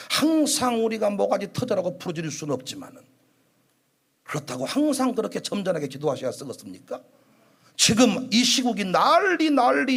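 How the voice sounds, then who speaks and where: Gravelly high-voiced pastor preaching with fervor. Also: male voice. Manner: animated, acts out quoted voices, shouts and drops low. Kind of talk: lively sermon.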